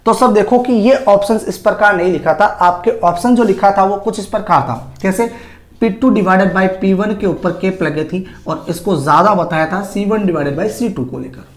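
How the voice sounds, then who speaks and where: A man's voice: high-pitched, normal speed. A male chemistry teacher lecturing at a whiteboard, posing rhetorical questions to the class and answering them himself. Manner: asks himself rhetorical questions and answers them, calls students "sir" and "child". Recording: echoey room.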